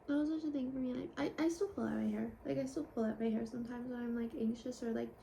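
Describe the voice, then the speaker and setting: A young woman talks through a casual confessional vlog, candid and rambling, now and then sinking into a whisper. Her voice sits a little high with a gravelly fry. A faint hiss runs under the recording. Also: fairly even intonation, rapid-fire, mellow. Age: young adult. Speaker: vlogger.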